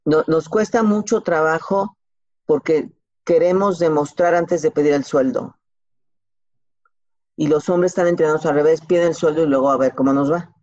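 Low-pitched and darkish, her voice moves at a moderate pace as she answers interview questions about careers on a podcast. She has a Mexican accent and talks casually and colloquially, with examples and rhetorical questions. The recording is slightly lo-fi and dull.

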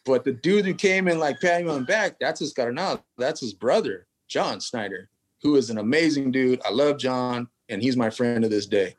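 A man's voice: medium pitch, moderate pace. A man from California, a tattoo artist guest telling a long story in casual, rambling fashion full of street slang and asides.

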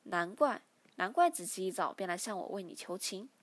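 A woman's voice: mid-range voice, expressive, normal speed, close to an everyday voice. A woman voicing a stern, weary middle-aged father who lectures his grown son, in a read-aloud novel. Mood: lecturing.

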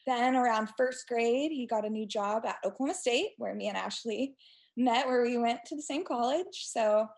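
A woman in her twenties from Texas, a guest telling stories in a chatty, animated way during a casual interview. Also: on the high side, moderate pace. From United States (Texas). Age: 20s.

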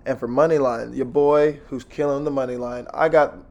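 Hoarse, gravelly man hosting a sports podcast. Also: mid-range voice, fairly even intonation, normal speed, lo-fi sound. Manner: blunt, slangy, sweary. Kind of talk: casual solo sports betting commentary.

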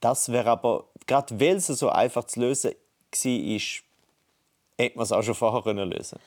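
A man's voice: medium pitch, moderate pace, darkish tone. Man musing over a phone line. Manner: thinks aloud, many restarts and fillers. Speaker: podcast co-host. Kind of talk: casual conversation. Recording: phone call.

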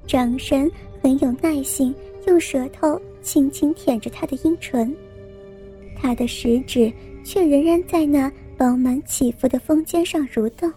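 A woman narrating a scripted story in a soft, even storytelling manner. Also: sits high, measured pace. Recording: faint background music.

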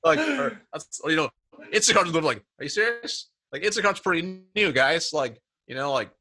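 A man's voice: on the high side, sing-song, moderate pace, sharp tone, husky. A man telling a workplace story as an interview guest, acting out both sides of the dialogue. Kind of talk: casual storytelling chat.

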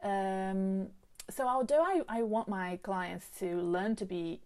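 A woman who speaks English as a second language, with a non-native accent, hosts a solo podcast about careers as a career coach. Her medium-pitched, slightly mellow voice moves slowly, and her chatty delivery is full of fillers and restarts. She records at home with a desk microphone.

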